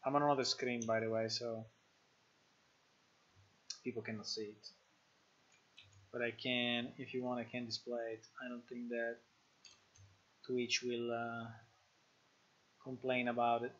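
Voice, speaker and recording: A man's voice: mid-range voice, completely flat delivery, measured pace, long pauses, a bit bright. A man from Italy with an Italian accent, chatting casually while building a game live, thinking aloud with frequent fillers and restarts. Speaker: game developer streaming live. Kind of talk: casual live-stream coding chat. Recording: dull lo-fi stream audio.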